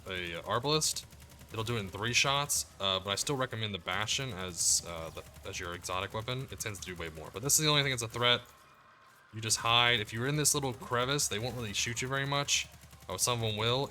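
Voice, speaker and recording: A man giving casual commentary as he plays through a video game guide, relaxed and explaining as he goes. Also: fairly low pitch, a little hiss or hum. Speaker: gaming guide creator. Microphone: desk mic, muted to cough.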